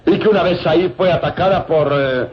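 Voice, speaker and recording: In a vintage radio serial, an actor with a German accent plays a sly, courteous German villain, a smoothly deceitful adult man feigning concern. His delivery is theatrical, formal and insistent, with dramatic pauses, in a natural, slightly high male voice. The band-limited recording sounds dull, with slight background noise and loud music behind.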